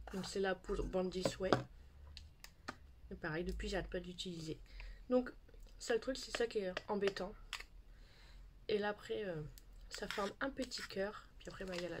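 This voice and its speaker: Woman, casual haul vlog, chatty, home recording with background noise. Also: mid-range voice. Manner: chatty, showing products to camera. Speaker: beauty YouTuber.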